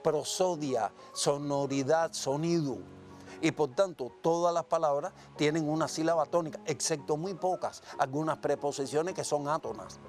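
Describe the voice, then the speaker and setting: A man from Cuba teaching a televised classroom lesson, explaining slowly and asking and answering his own questions. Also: a little high, a little mellow, faint music behind.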